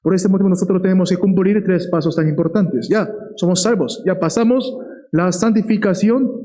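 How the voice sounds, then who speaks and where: A man preaching a sermon in a lively way. He often checks in with the listeners and slows down to stress key words. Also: high-pitched, poor audio.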